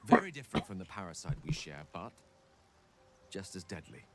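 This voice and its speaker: Gale, a polished formal wizard. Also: male voice, low-pitched, big pitch swings, a little fast, fairly bright tone, heavily acted. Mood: earnest. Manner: formal, courteous, slightly theatrical speech. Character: refined male human wizard, polite, secretive. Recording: game audio with music behind.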